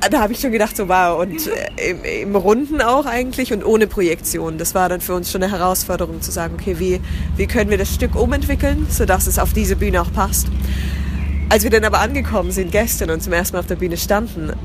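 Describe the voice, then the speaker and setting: Against a noisy background, a medium-pitched woman speaks fairly quickly as a guest in a casual interview. She is a theatre company founder from southern Germany whose speech is full of restarts and word-searching, with lapses into English.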